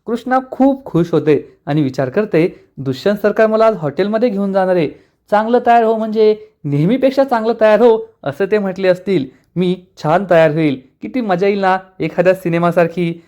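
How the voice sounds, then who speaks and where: A man retelling a TV serial episode in a casual way, quoting each character's lines with lively emphasis. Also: high voice.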